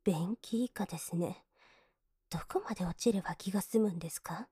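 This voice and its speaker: A woman's voice: on the low side, brisk, husky, no room sound, studio quality. A woman playing a scornful young maid. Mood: disgusted sneer. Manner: politely contemptuous, mocking; drops into soft whispers to sneer. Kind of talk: adult audio drama.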